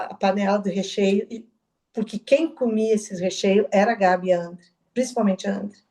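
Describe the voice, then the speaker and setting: A middle-aged woman, soft-spoken and halting, giving personal testimony as an interview guest. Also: medium pitch. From southern Brazil. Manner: halting, soft-spoken, with restarts and quoted dialogue.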